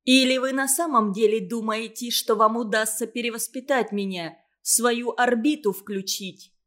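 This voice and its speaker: A woman's voice: a little high, steady tone, normal speed, fairly bright tone, close to an everyday voice. A woman reading an audiobook, voicing a proud young woman who answers sharply and stubbornly. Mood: angry.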